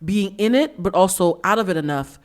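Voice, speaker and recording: A woman in her thirties from the US East Coast, hosting a candid podcast conversation, blunt and animated, acting out quotes. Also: medium pitch, fairly quick. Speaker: podcast host.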